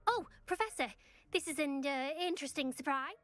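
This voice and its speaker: A woman's voice: high-pitched, expressive, brisk, fairly bright tone, faint music behind. A woman playing a polite, slightly uneasy student in a video game, courteous and hesitant. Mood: uneasy politeness. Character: polite, uneasy schoolgirl student answering a stern teacher.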